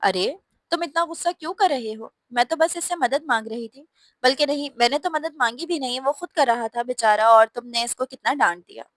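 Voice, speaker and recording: A spirited young wife from a storybook, quick to bristle when she is teased, read by a woman. Her slightly high voice sounds close and dry. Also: fairly bright tone, no room sound.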